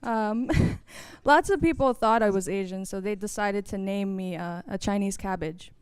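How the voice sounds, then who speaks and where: A woman's voice: mid-range voice, normal speed, smooth, no room sound, clean studio sound. A young woman doing a stand-up comedy set on a college stage, chatty and self-mocking, acting out other people's voices. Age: young adult.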